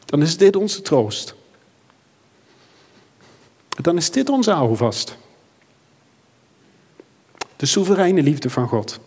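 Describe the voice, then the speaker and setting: A man's voice: fairly high pitch, very animated, slow, pauses often, darkish tone, husky. Earnest male preacher in reverberant church. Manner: earnest, rising to fervent emphasis. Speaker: pastor. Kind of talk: sermon and prayer.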